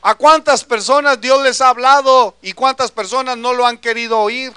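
A man's voice: very high-pitched, steady tone, moderate pace, sharp tone, smooth, dry recording. A man preaching a sermon in an earnest way, calling his listeners brother.

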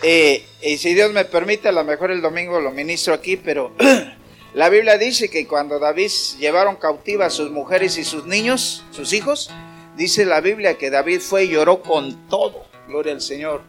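A man's voice: on the high side, moderate pace, soft background music. A man preaching at a worship service, fervent and calling out praises to the congregation. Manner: fervent, shouting praises and acting out a story. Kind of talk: lively evangelical preaching.

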